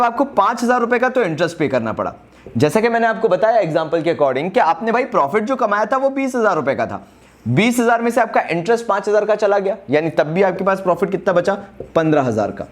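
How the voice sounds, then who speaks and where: A commerce teacher runs a quick exam-revision lesson, brisk and direct, pushing students to write fast while sprinkling English terms into his casual talk. His voice sits high and swings widely in pitch.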